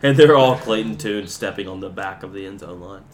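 A man co-hosting a casual football podcast, loud and jokey as he trades picks. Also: low-pitched, brisk, background noise. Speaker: podcast co-host.

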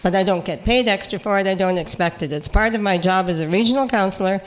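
A woman's voice: mid-range voice, quick pace, poor audio. An older woman from Cape Breton with a Canadian accent, speaking as a regional councillor in a conversational political interview, assertive and plain-spoken.

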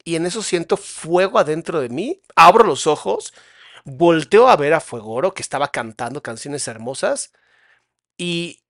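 A man's voice: on the high side, animated, normal speed, fairly bright tone, no room sound, clean studio sound. A man with a Mexican accent telling a personal story in a casual, slang-filled way. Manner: casual, slangy, re-enacting dialogue. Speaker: podcast host.

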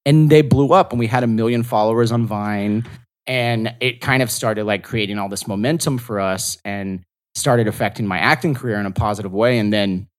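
This comedian, appearing as a podcast guest, has a fairly low voice and speaks at a normal speed. His storytelling wanders loosely, packed with "like" as a filler, in a casual interview.

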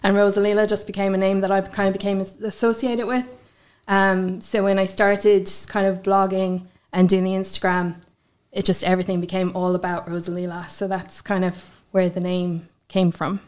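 A woman's voice: mid-range voice, level tone, normal speed, darkish tone. A woman with a west of Ireland accent talking casually and informally as an interview guest, with plenty of "like" and "you know". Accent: west of Ireland (Galway). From Galway, west of Ireland. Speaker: podcast guest, blogger.

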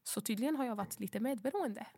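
A woman's voice: fairly high pitch, creaky, mellow. A woman co-hosting a podcast, speaking candidly and reflectively about personal matters in casual chat. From Sweden. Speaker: podcast co-host.

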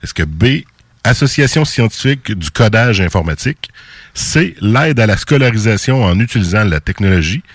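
A man with a Québécois accent hosting a quiz on a radio show, playful and animated. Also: lowish voice, moderate pace, no echo. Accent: Québécois French. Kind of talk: casual radio quiz banter.

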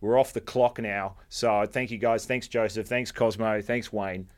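A man's voice: on the low side, fairly even intonation, unhurried. A man with an Australian accent hosting a podcast interview, blunt and jokey, swearing freely. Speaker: podcast host. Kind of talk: casual interview chat.

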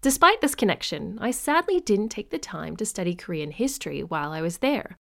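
A woman's voice: mid-range voice, big pitch swings, a little fast, creaky, fairly bright tone. Congested woman podcaster with a stuffy nose. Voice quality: congested, stuffy-nosed voice from a cold. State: under the weather with a cold. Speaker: podcast host. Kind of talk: scripted podcast narration with chatty asides.

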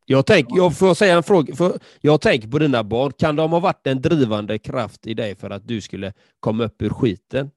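A man's voice: mid-range voice, expressive, hardly any pauses, a little mellow, no echo. Probing male podcast host, dry sound. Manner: probing, searching for words. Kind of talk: interview questions.

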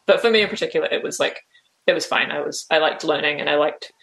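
Speaking fast in a low, creaky, fairly bright voice, a woman from New Zealand answers interview questions casually. She sounds hesitant, peppering her speech with "um" and "like."

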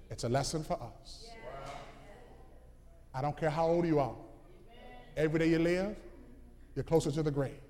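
A man's voice: fairly high pitch, darkish tone, in a large hall. A man preaching a sermon in a rhythmic, plain-spoken way, repeating phrases. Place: church.

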